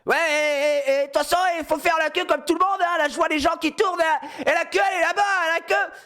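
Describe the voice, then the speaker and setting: A man voicing a bitter bald man who shouts indignant complaints in a queue. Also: very high voice, fairly even intonation, fast, pitched above the performer's own voice, heavily acted. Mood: indignant shouting.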